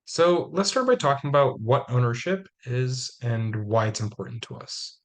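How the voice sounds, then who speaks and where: A young man with a sore throat, slightly sick, giving a measured, explanatory slide lecture step by step. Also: mid-range voice, lively intonation. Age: young adult.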